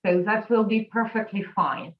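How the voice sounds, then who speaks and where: A woman's voice: medium pitch, normal speed. A woman moderating an online conference session, apologetic and stammering. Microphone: video call. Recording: echoey, lo-fi call audio.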